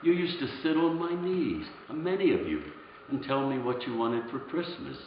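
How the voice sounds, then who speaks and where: A man playing Santa Claus, telling a story in a soft-spoken, earnest way with halting repetitions. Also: medium pitch, sing-song, slight background noise, lightly acted. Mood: tender. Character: kindly old Santa Claus, gentle and earnest. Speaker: Santa performer. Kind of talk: heartfelt storytelling address. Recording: echoey room, dull lo-fi sound.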